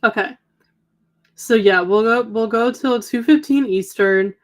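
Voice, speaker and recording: A woman's voice: a little high, measured pace. A young adult woman co-hosting a reading livestream, chatting casually with viewers, with a lot of "um" and "like," her voice slightly worn. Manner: chatty, lots of "um" and "like". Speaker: livestream co-host.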